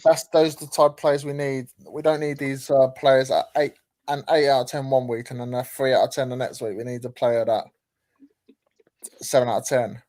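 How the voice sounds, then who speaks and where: A man's voice: medium pitch, little pitch movement, moderate pace, a little mellow. A man, hosting a casual football livestream, reading chat comments aloud with a lot of hesitant ums. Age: 30s. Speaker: livestream host.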